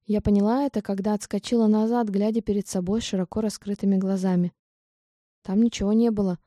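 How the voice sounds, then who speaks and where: A woman reading a first-person audiobook in an even, steady storytelling manner. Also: mid-range voice, a little fast, no echo. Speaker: audiobook narrator.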